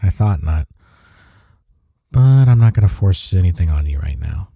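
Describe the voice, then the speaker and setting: A man acts out a gentle, devoted boyfriend in an intimate audio roleplay, softly and tenderly reassuring a partner he cares for. His low, deeply mellow voice is husky with vocal fry, exaggerated and expressive, delivered at normal speed. The recording is close and dry, without echo.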